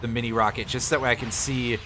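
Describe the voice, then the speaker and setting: A man's voice: mid-range voice, fairly even intonation, fast, pushed and bright, slight background noise. A man giving casual live gameplay commentary as a streamer, with sardonic, sweary grumbling. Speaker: video game streamer.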